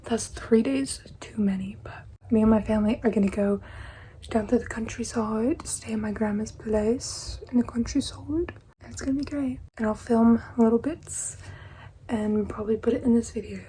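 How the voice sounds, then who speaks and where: A woman's voice: fairly high pitch, normal speed, warm tone, a little hiss or hum, rough recording. A young woman chatting frankly in a casual vlog, often dropping into a half-whisper. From Australia. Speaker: vlogger.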